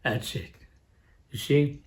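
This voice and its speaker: A father from Jordan appears as a guest on a family show, an older man with an Arabic accent. Sharing stories in relaxed family conversation, he halts often, fills gaps with uhs, restarts, and laughs at his own story.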